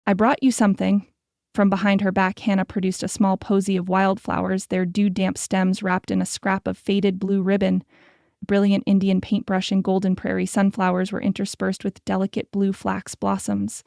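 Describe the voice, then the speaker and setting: A woman narrating a historical romance audiobook in a measured, descriptive way, close to the mic. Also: medium pitch, monotone, gravelly, a little mellow, no echo. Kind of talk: scripted narration.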